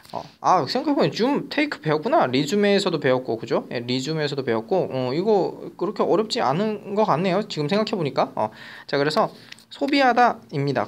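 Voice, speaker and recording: A teacher gives an online vocabulary lecture at a medium pitch, blending casual and polite speech and repeatedly checking in with students. There's a little hiss or hum in the audio.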